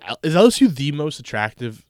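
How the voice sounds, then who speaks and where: A man co-hosting a casual sports talk show, making quick points and wisecracks. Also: fairly high pitch, very animated, darkish tone, no room sound, studio quality. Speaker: sports podcast co-host.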